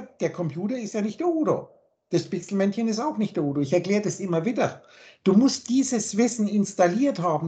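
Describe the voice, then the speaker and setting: A spiritual teacher with a high voice and darkish tone delivers a long philosophical monologue over a video call. He is insistent, repeating his points and filling his talk with rhetorical questions.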